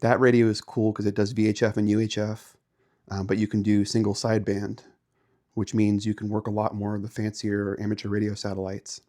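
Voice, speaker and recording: Studio-quality audio with no room sound captures a man with a fairly low, dark voice speaking monotone and fairly quickly. He's the host and an amateur radio hobbyist, casually touring from outdoors by a house into a garage and small radio room and explaining things plainly.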